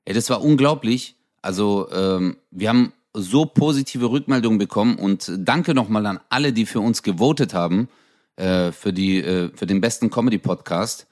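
A man's voice: fairly low pitch, moderate pace, a little mellow. Laid-back man, slangy comedy chat. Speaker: podcast co-host.

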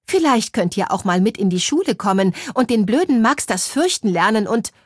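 A woman's voice: mid-range voice, animated, moderate pace, dry recording, studio quality, lightly acted. A woman voicing a curious, eager young girl in a storybook.

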